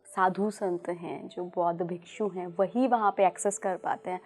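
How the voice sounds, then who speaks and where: A woman's voice: lowish voice, steady tone, normal speed, a little mellow. A woman hosting a podcast, asking curious, respectful questions. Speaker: podcast host. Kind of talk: podcast interview.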